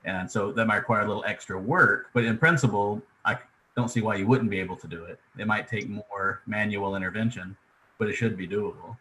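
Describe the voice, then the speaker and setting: A man's voice: fairly low pitch, fairly quick, bright, forceful tone, a little hiss or hum, poor audio. A man answering a technical question in an online Q&A with a hedged, practical explanation, speaking over a video call. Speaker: fellow working on OCR.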